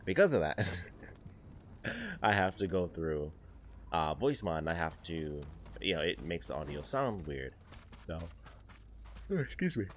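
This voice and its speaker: A man's voice: very deep voice, animated, moderate pace, a little hiss or hum. A man giving casual, chatty gameplay commentary as a streamer, with exasperated asides. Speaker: gaming streamer. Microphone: desk mic, streaming setup. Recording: game music underneath.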